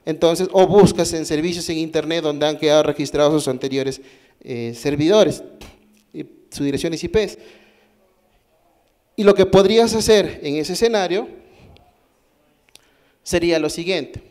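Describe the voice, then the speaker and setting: A Peruvian man gives a technical talk in a conference hall, his voice a little high and darkish, with a measured pace and long pauses. Speaking with a Peruvian Spanish accent, he explains step by step, asks the audience questions and often restarts his sentences.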